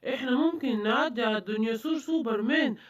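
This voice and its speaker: Woman voicing a soft calm spider hero. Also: a little high, fast talker, highs cut off, lightly acted. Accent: Egyptian Arabic.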